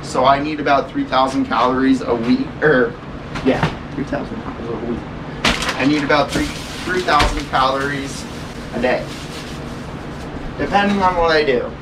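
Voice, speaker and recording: Talking to the camera in a casual vlog, this young adult man rambles earnestly and leans on lots of fillers. His voice sits in the mid range at a moderate pace, and the recording is very noisy. The setting shifts from an indoor kitchen to railroad tracks in the woods.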